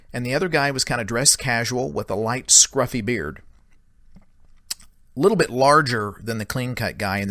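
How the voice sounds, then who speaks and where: A man casually retelling a secondhand story in a conversational way, with many small pauses and "he said" tags. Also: medium pitch, pushed and bright, no echo. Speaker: paranormal storyteller.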